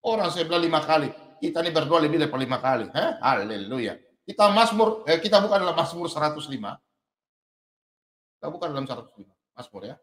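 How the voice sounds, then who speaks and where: A man preaching a sermon, who swings between shouted, drawn-out words and quiet asides. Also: on the high side, sing-song, echoey room. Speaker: pastor. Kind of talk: energetic sermon.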